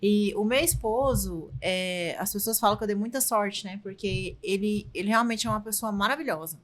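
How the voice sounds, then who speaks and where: A woman's voice: mid-range voice, moderate pace. A woman in her thirties with a Brazilian Portuguese accent, a photographer telling personal stories as a panel guest. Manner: warm personal storytelling with frequent "né". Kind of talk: casual panel discussion.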